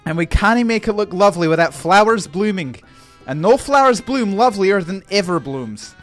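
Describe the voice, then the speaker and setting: A man's voice: sits high, lively intonation, normal speed, fairly bright tone, faint music behind, voice pushed up. A man putting on a rolled-R Scottish pixie elder. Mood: hammy. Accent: put-on Scottish. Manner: exaggerated rolled R's, breaking into laughter. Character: elderly male pixie villager, earnest.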